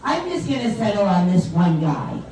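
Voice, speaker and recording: Medium in pitch with big swings, normal pace, and a dark tone, a woman is recorded from a distance at a comedy venue. The female stand-up from the tri-state area sounds older than she is, chattily teasing the crowd and poking fun at herself. Audience laughter and chatter echo through the club.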